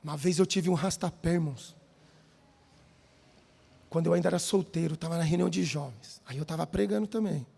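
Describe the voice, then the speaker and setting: A man's voice: fairly high pitch, fairly quick, vocal fry, long pauses, slightly rough. A man with a Brazilian Portuguese accent preaching a sermon in a church hall, telling stories and often addressing the audience as brothers. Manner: lively, keeps calling the audience brothers. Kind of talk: sermon with personal storytelling.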